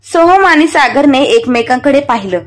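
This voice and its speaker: A woman's voice: sits high, animated, moderate pace. A woman narrating an emotional family story as a storyteller. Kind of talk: scripted narration.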